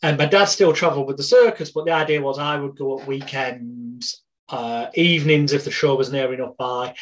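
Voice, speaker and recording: A man's voice: medium pitch, normal speed. A British man in his forties, a podcast guest telling life stories in a rambling, wry, anecdotal way. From Britain. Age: 40s. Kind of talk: casual storytelling interview.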